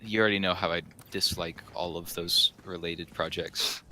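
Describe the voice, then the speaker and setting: A man's voice: sits low, fairly even intonation, moderate pace, bright, forceful tone, slight background noise. A man streaming a video game, chatting casually and rambling off into enthusiastic tangents. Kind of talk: casual gaming stream chat.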